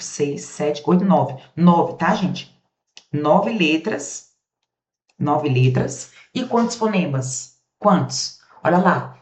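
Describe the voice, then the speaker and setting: A woman's voice: on the low side, darkish tone. A Brazilian woman grammar teacher giving a recorded lesson, sounding out speech sounds aloud and asking the class rhetorical questions. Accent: Brazilian Portuguese. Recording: roomy, distant, dull sound.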